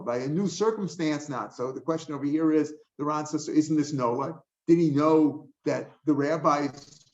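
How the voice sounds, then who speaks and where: A man's voice: a little high, a little mellow. An older man teaching a daily Talmud class, explaining passages line by line in a conversational way with asides and restarts. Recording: dull lo-fi recording.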